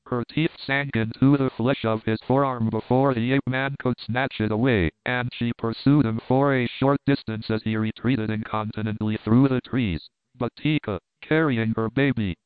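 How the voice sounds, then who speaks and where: A man giving a steady, measured reading of an adventure storybook. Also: mid-range voice, smooth, no echo. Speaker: audiobook narrator. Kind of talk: scripted story narration. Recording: narrow phone-like sound.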